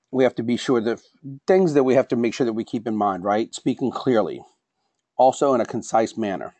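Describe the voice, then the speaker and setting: A middle-aged man lecturing an online safety course at a brisk, self-confessed fast pace. He keeps checking in with his listeners, voice sitting mid-range. The recording is dry and close, with no room sound. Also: medium pitch, darkish tone, no echo. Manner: says he talks fast, tags lines with "right?" and "okay?". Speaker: safety trainer.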